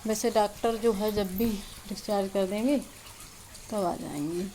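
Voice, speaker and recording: A woman chats through a homely vlog in a rambling way, full of fillers. Her voice sits at a middling pitch. Clear background noise from rain and the house runs under her. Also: moderate pace, mellow, poor audio. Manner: chatty, rambling, many fillers. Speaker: village vlogger. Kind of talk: casual vlog narration. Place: rural home, rain outside.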